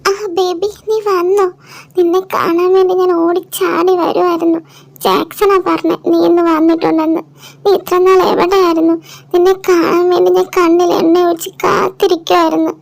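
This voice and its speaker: A woman's voice: extremely high pitch, little pitch movement, normal speed, vocal fry, pitched above the performer's own voice. A woman putting on a cooing, clingy young girl. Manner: sweet, cooing. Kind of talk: fan audio drama.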